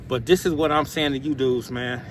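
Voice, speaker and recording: Talking motivation straight to camera, this American guy riffs like an advice vlogger: emphatic, street-smart, heavy on slang, and he calls everyone "bro." He speaks briskly at a medium pitch with fairly even intonation. Cars go by amid the urban background noise outside.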